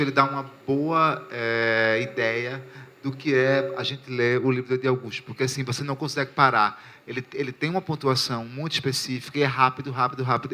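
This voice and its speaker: Male moderator with a bright, forceful voice, quick speech with self-corrections. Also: mid-range voice. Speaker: panel moderator. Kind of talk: moderating a literary panel. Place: literary festival panel before an audience.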